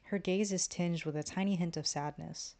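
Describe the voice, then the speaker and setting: Lower-voiced woman reading a visual novel. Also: steady tone, normal speed, gravelly, dark tone. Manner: reads the narration and the player's lines, stumbling at times. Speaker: streamer.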